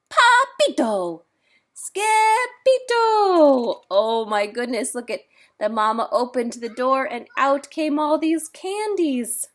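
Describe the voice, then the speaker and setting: A woman reading a picture book aloud at storytime, stopping now and then to explain the story to young listeners. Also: a little high. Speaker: children's book reader.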